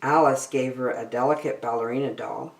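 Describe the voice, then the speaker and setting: Reading aloud at a fairly quick clip, a woman with an extremely low voice narrates a children's story expressively and dramatically for young listeners. The space sounds roomy.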